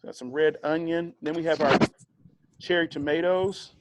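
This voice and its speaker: A man's voice: on the high side, normal speed, background noise. Chatty man demonstrating a recipe. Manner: chatty, relaxed, with fillers and asides. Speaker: cooking instructor. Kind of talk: casual cooking demonstration.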